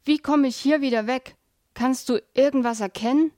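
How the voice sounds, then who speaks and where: A woman's voice: high voice, moderate pace, mellow, dry recording, studio quality, voice pushed up, lightly acted. A woman voicing a grumpy, sarcastic male hamster who whines and panics while clinging to a branch.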